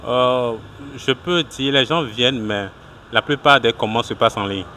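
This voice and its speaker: A man's voice: medium pitch, normal speed, bright, forceful tone, a little hiss or hum. A man from Togo, a cook who runs a small food business, answering interview questions outdoors in a hesitant way with many restarts. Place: outdoors at a street food stall in a city.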